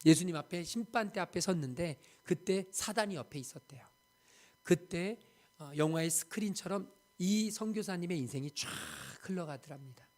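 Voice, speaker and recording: A man's voice: high-pitched, lively intonation, moderate pace, a little mellow. Man preaching a dramatic story sermon. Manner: dramatic storytelling, acting out quoted speech with emphatic rises. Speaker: pastor. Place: church sanctuary.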